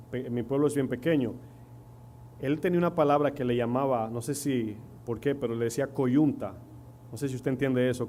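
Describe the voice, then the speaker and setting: Dominican preacher with a mellow voice. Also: male voice, medium pitch. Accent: Dominican Spanish. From Dominican Republic. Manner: storytelling with rhetorical questions. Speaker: pastor. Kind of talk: sermon. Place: church. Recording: faint hum and noise.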